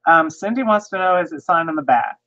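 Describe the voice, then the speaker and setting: Brisk auctioneer calling bids, muffled. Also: mid-range voice, bright, forceful tone. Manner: brisk, runs through bids quickly.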